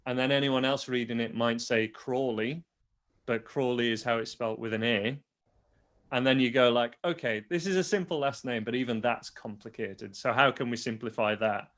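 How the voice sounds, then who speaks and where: Here a young Yorkshire-born guitar teacher, who also creates online videos, talks at a normal speed in a mid-range, fairly bright voice. His accent is toned down, and his casual interview explanations are straightforward, with frequent restarts.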